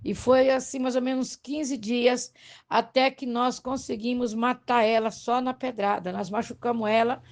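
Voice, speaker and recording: A woman's voice: on the high side, fairly even intonation, normal speed. A Brazilian woman giving a spoken religious testimony, telling her story earnestly with many restarts and pleading with listeners. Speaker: testimony giver.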